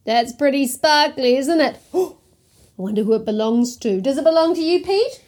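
A woman's voice: high-pitched, lively intonation, moderate pace, a little mellow. A woman hosting interactive storytelling for young children, theatrical, with gasps and coaxing questions. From New Zealand.

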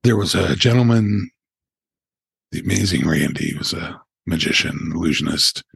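An older man who hosts a paranormal podcast, telling stories in an unhurried way with asides, in a very deep gravelly voice. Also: steady tone, dry recording. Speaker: podcast host. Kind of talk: paranormal countdown narration.

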